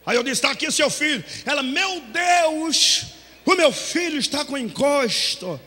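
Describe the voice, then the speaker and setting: A man preaching as a Pentecostal pastor, shouting and acting out the voices in his story, breaking into tongues. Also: very high voice, lively intonation, measured pace. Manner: shouting, dramatic, acts out dialogue, speaks in tongues. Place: church hall. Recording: church hall with long reverb.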